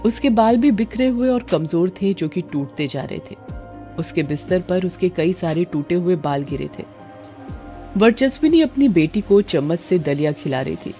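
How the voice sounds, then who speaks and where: A woman narrating a serialized horror story, reading the narration and the dialogue of all the characters in a steady tone. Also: fairly low pitch, moderate pace, faint music behind.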